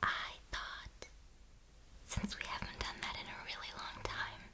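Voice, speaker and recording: A woman performs a whispered role-play as a doting bedtime caregiver. Her breathy whisper is very sharp and bright, with no voiced tone. She takes her time with every phrase, tender and reassuring in close personal attention. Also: a little slow. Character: doting, soothing caregiver tucking someone in at bedtime. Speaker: ASMR host playing a caring bedtime companion.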